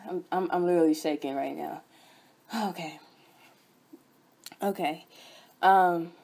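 A woman's voice: lowish voice, mellow. A young woman hosting a sermon broadcast, preaching fervently with repeated chanted refrains. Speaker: host and preacher.

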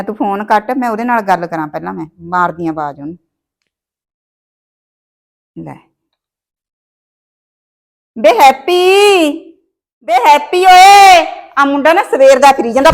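A domineering, scheming mother-in-law, played by a woman, with a high voice. She scolds and bosses her son in a village comedy short film. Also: a bit bright, lightly acted.

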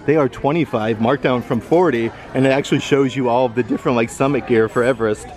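An upbeat man talks his way casually through a store, chatty and full of little fillers. His voice sits at a middling pitch, picked up by a handheld camera indoors. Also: quick pace, a little mellow. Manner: upbeat, lists prices, many fillers like "uh" and "like". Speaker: vlogger. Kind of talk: casual shopping walkthrough narration.

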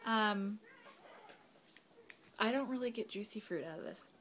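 A woman's voice: medium pitch, unhurried, a bit bright. Young mom rambling about candles at home, lots of ums, sometimes whispers, little hiss behind her. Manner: chatty, rambling with fillers, drops to whispers. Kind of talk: casual product review vlog. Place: home, kids nearby.

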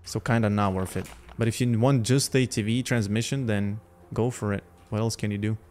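A man's voice: on the low side, fairly even intonation, brisk, a little mellow. Chatty man streaming. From Lithuania. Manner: chatty, thinking aloud, talks to chat. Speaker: gaming livestreamer. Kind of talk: casual gameplay commentary.

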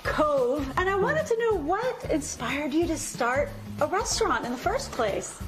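A woman's voice: high voice, big pitch swings, a little slow, music in the background. A woman in her thirties hosting a TV segment in a restaurant, bubbly and enthusiastic. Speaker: TV host. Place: inside a restaurant dining room.

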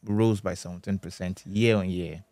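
A Nigerian man in his thirties presenting business news, walking through figures in a steady studio chat. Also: deep voice, normal speed, no room sound. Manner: steady, chiming in with short agreements. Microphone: studio mic on boom arm.

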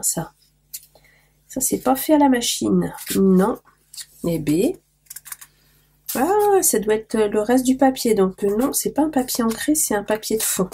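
A craft vlogger, a woman whose voice is going, chats casually with viewers while opening her mail and gushing over little details. Her voice sits slightly high, with a dark tone and a breathy edge.

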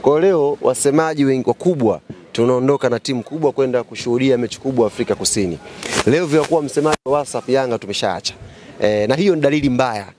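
A man's voice: medium pitch, quick pace, darkish tone, slight background noise. A man, speaking as a football club spokesman in an emphatic, teasing press statement.

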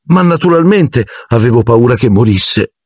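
A man voicing a dramatic, tearful teenage girl in an audiobook, in a high, wailing voice. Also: expressive, moderate pace, slightly rough, dry recording, studio quality. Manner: wailing, self-pitying. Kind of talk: audiobook character voice.

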